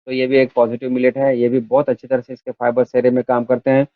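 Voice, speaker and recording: A man gives a methodical health talk, working through lists with frequent pauses and fillers. His voice sits at a middle pitch. The sound is dry and narrow, like a phone line. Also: monotone, no echo. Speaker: health educator. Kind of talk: health talk explaining millets.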